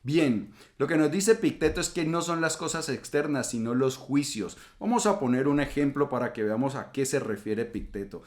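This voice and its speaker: A middle-aged man calmly explaining ideas in a reflective talk, now and then acting out quoted remarks. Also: mid-range voice, normal speed, hardly any pauses. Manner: calm explanatory, acts out quoted insults. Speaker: channel host.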